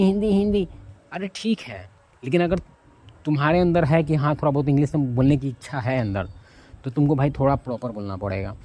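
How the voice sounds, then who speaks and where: A man's voice: mid-range voice, mellow. A man giving blunt, rambling casual advice from a rooftop outdoors, often losing track of his topic. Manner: rambling, loses track and asks himself what the topic was; blunt, addresses listener with informal tu. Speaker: self-help vlogger.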